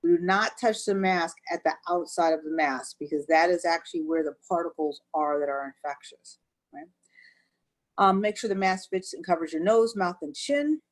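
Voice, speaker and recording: A woman's voice: lowish voice, moderate pace. A woman doctor giving an educational webinar talk, explaining step by step and often saying "actually".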